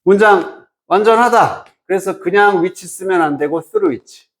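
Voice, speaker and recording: A man's voice: high-pitched, measured pace. A man teaching English to students, casually explaining a reading passage and often quizzing them with short questions. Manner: checks understanding with frequent quiz-like questions; mixes English phrases into explanation. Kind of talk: lecture explaining an exam passage.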